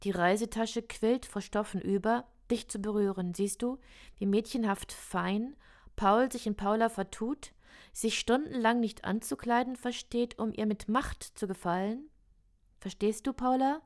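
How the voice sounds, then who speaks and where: A woman reciting experimental prose poetry in a slow, measured, deliberate way. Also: fairly high pitch, a little mellow.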